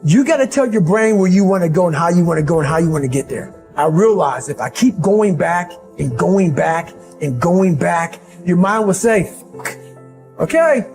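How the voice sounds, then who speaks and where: A man's voice: high voice, animated, normal speed, few pauses, darkish tone, soft background music. A man giving a conversational motivational talk who acts out the voices in his head, with casual swearing.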